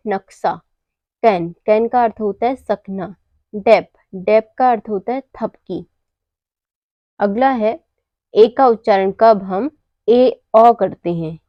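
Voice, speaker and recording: Slow, careful woman teaching English words. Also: mid-range voice, dry recording, dull audio. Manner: asks and answers her own questions. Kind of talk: slow explanatory lesson.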